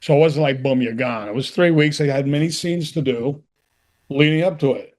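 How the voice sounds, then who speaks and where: A man, an actor appearing as a podcast guest, telling stories in a lively way and acting out both sides of a conversation. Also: a little high, normal speed. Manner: animated storyteller who acts out both sides of a conversation. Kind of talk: casual interview storytelling.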